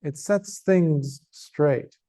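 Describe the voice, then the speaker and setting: A man, a Buddhist monk, giving an earnest, conversational Dhamma talk to a group, tired, with emphatic stresses and pauses. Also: a little high, dark tone.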